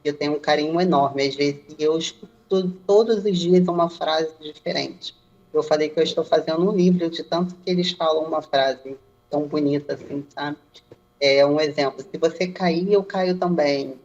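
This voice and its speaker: A woman's voice: sits low, normal speed. A woman with a Brazilian Portuguese accent, a stevedore telling her experiences in a casual podcast interview and acting out the remarks she quotes. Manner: animated storyteller who acts out quoted remarks. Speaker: stevedore guest. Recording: slightly dull lo-fi sound.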